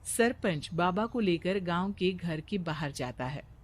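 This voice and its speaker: A woman narrating a cartoon moral story in an even, matter-of-fact storytelling voice. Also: on the low side, unhurried, no echo.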